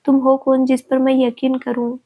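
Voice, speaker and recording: A woman's voice: sits high, monotone, normal speed, phone-quality sound. A woman voicing an angry young man who coldly accuses his lover, in a storybook reading. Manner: cold, accusing, cutting.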